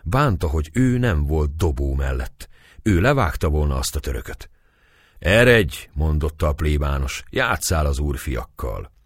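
Deep male audiobook narrator, very low voice, lively expressive swings, dry close sound. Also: dry recording. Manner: expressive storytelling. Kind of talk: scripted narration of a historical novel.

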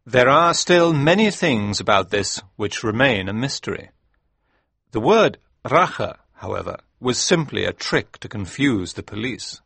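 A confident male detective, voiced by a man reading the story aloud. He speaks briskly and with command, his voice slightly husky. The sound is close and dry, with no room around it. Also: medium pitch, very animated, a bit bright, no room sound, heavily acted. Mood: explaining. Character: Sherlock Holmes, sharp confident male detective. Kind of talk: audiobook reading.

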